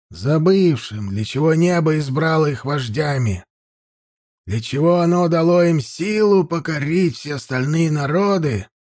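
A man voicing a stern, harsh-voiced old male high priest who lectures sharply, in an audiobook reading. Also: darkish tone, no echo, clean studio sound.

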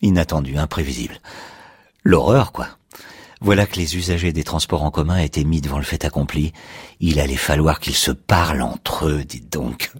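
A man voicing an excitable, sarcastic patient confessing he destroyed his talking house. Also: a bass voice, moderate pace, breathy edge, no room sound, studio quality, full character voice. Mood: mocking. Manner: excitable, sarcastic, swings to shouting.

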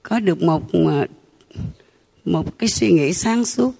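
Man, 50s, retreat attendee; slow, gravelly, reverent questioner. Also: high-pitched, animated, dark tone. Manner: reverent, formal, hesitant. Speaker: retreat participant asking a question. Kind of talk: formal question to a teacher.

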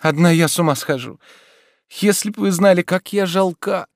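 A man's voice: moderate pace, dry recording, studio quality. A man reading a novel aloud, voicing a young noblewoman who confesses her love in anguish and shame. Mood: despairing. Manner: pleading, tearful, rising emotional pitch. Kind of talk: audiobook reading.

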